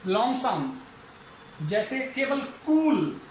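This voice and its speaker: A man from India teaches a phonetics lesson, stretching and repeating each example word. His voice sits very high and he talks very slowly. The recording is heavily echoey with a faint hiss behind him. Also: very animated, a little mellow. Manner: explaining slowly, repeating and drawing out example words. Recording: very echoey room, faint noise.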